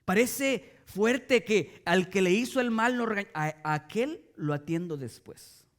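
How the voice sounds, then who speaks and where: A man's voice: high-pitched, animated, a little slow. A middle-aged man, preaching a sermon as a pastor and often asking the congregation rhetorical questions.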